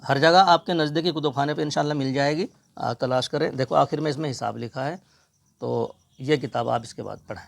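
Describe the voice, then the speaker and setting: A man's voice: medium pitch, brisk, creaky. A middle-aged man teaching a reading primer, sounding out words letter by letter. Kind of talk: spelling-out reading lesson.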